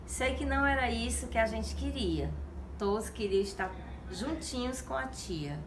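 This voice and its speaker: Slow, lively Brazilian woman teacher. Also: a little high, slight background noise. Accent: Brazilian Portuguese. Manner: affectionate, talks to children and spells syllables slowly. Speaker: primary school teacher. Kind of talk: video lesson for young children. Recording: echoey room recording.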